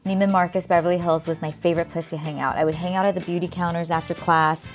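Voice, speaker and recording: A woman's voice: on the low side, level tone, fast talker, soft background music. A middle-aged woman with a Californian Valley girl accent, chatting casually and emphatically as an interview guest. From California, United States. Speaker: podcast guest, skincare brand founder. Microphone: video call.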